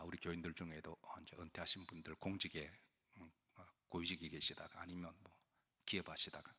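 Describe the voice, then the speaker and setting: A man's voice: sits low, pushed and bright, slightly rough. A man preaching as senior pastor in a conversational sermon, explaining and putting questions to the congregation. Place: church sanctuary. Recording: long church hall reverb.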